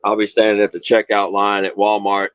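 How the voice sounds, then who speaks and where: A man's voice: fairly low pitch, completely flat delivery, brisk, fairly bright tone, clear, resonant tone, no room sound, muffled recording. A man from Southern Missouri with an Ozarks accent, calling in to a casual chat and telling a rambling, folksy story with frequent laughs. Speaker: caller.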